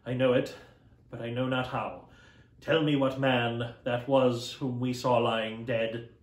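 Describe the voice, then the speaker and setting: A man voicing an old, stern miser who speaks in a low, grave, measured way. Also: little pitch movement, natural voice. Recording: roomy echo.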